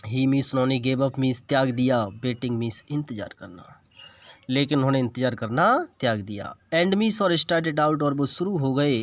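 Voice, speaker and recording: With a mid-range voice and no echo in the recording, a man teaches a bilingual English lesson. He reads the text aloud in an Indian accent, pausing to explain each word patiently.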